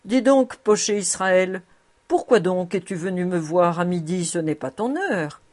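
Jovial teasing man, read by a woman, half mocking, voice pitched up at times, storybook reading. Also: expressive, unhurried, darkish tone. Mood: stern. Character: male landowner, jovial, teasing, fond of food.

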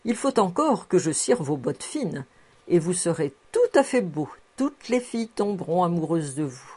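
A woman's voice: lowish voice, sing-song, normal speed, dark tone, husky. A woman voicing a fussing, cheerful old housekeeper in her sixties who chuckles as she coaxes. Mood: coaxing. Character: cheerful old female housekeeper, sixty-four, toothless.

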